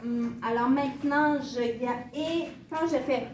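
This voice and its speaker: A woman's voice: sits high, slow. A woman teaching a class, speaking in short, simple phrases and demonstrating for learners. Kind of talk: classroom lesson. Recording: echoey classroom from far off, with room noise.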